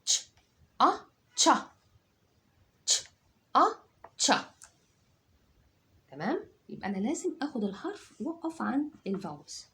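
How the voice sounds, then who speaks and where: Lively Egyptian woman teaching phonics. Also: high voice, normal speed, pauses often. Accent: Egyptian Arabic. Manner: drills sounds aloud, repeats and checks understanding. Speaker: English teacher. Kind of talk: phonics lesson for children.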